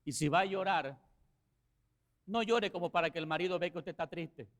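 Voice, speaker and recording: A man preaching a sermon as pastor, telling a story with rising passion and quiet, slow passages. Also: high-pitched. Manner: impassioned preaching, swelling to shouts then dropping soft.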